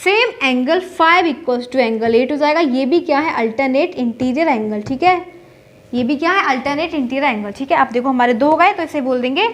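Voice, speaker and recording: High-voiced woman teaching a maths lesson. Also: lively intonation, normal speed. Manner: repeats "theek hai" to check in, asks and answers her own questions.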